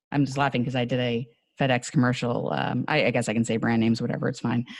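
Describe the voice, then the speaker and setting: Animated New York woman guest. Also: a bass voice, gravelly, dry recording. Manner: animated, laughs often, quick asides. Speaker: podcast guest. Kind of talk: casual conversation.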